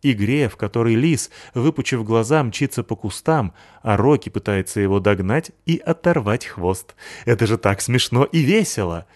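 A man narrating a children's story in a lively, expressive reading voice. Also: medium pitch, moderate pace, few pauses, no echo, studio quality.

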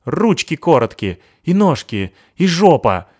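A man reading an audiobook voices a sharp-tongued young woman fighter who mocks and taunts. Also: mid-range voice, lightly acted. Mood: taunting. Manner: mocking, quick. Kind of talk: audiobook character voicing.

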